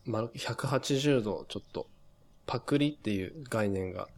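A man's voice: lowish voice, normal speed, a little mellow. A man in a casual chat, mostly giving short, agreeing responses.

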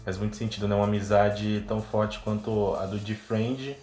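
A man's voice: on the low side, little pitch movement, normal speed, darkish tone. A man hosting a show in a casual, chatty way. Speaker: show host. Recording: roomy sound with music behind.

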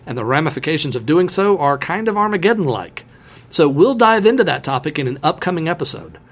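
A male podcast host walks listeners through his subject in a folksy, emphatic manner, calling them his friends. His voice sits somewhat high for a man. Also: very animated, a little fast. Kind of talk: solo explanatory podcast talk.

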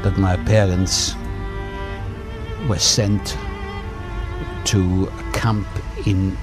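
Over music, a deep-voiced man in his seventies shares a personal testimony on a radio interview. He speaks flatly, in a thoughtful, measured way, pausing often.

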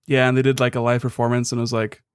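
A man's voice: medium pitch, monotone, rapid-fire, clean tone, dry recording. Easygoing wry young man, dry mic. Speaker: podcast co-host. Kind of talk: casual chat.

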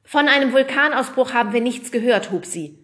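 A woman's voice: on the high side, animated, fairly quick, fairly bright tone, pitched above the performer's own voice. A woman voicing a nervous female studio journalist who reports in a formal way.

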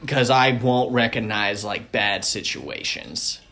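A man in his twenties hosting a podcast, telling stories casually and jumping into loud acted quotes. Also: on the low side, slow. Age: 20s. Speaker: podcast host. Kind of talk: casual interview chat.

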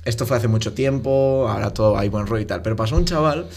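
A man's voice: on the low side, fast, darkish tone. A young man from the Country, co-hosting a podcast and telling a long story among friends with rambling asides. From Basque Country, Spain. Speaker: podcast co-host. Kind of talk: casual chat among friends.

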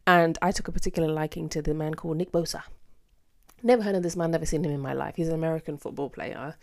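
A British woman hosting a casual solo podcast, with a sassy, theatrical, slangy and expressive way of talking. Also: sits low, quick pace, gravelly. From United Kingdom. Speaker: podcast host.

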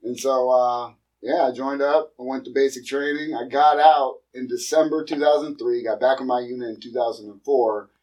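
A man's voice: medium pitch, steady tone, moderate pace, hardly any pauses, a little mellow, far from the mic, low-quality recording. A middle-aged man from Pennsylvania telling stories in casual chat, slangy and profane. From Erie, Pennsylvania. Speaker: podcast guest, comedian.

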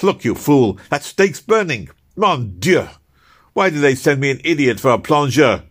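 A man's voice: medium pitch, sing-song, moderate pace, husky, voice pushed up. A man voicing a bossy, nagging female cook who barks scolding orders in a kitchen.

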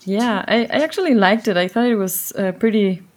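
A woman's voice: medium pitch, lively intonation, fairly quick. A woman co-hosting a casual interview, chiming in with friendly follow-up questions. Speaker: podcast co-host.

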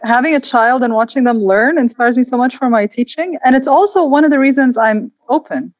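A fairly high-voiced woman from Egypt who grew up in Kuwait talks as an interview guest. She tells her story in quick, animated bursts and often restarts or repeats words mid-thought. Her voice has a dull, slightly lo-fi sound with no room echo. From Egypt, raised in Kuwait. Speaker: guest, educator. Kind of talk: candid interview conversation.

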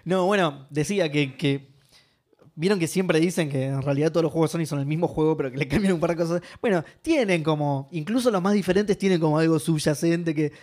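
A young Argentine man co-hosting a podcast, chatting about video games in an animated way, swearing freely and laughing often. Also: a little high, fairly quick. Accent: Argentine Spanish. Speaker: podcast co-host. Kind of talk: casual gaming chat.

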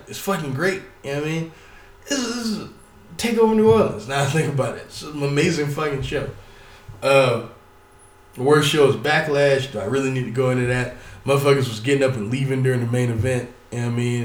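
A man talks loosely and at length, cursing freely and stumbling over his words. He sits some way off from the mic, so his voice sounds distant. The room around him is echoey. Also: mid-range voice. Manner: profane, rambling, stuttering, filler-heavy. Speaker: wrestling commentator. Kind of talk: casual solo talk.

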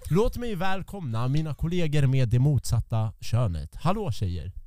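A man's voice: mid-range voice, big pitch swings, normal speed, mellow. A man hosting a podcast in casual chat, joking and teasing his guests. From Sweden. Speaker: podcast host.

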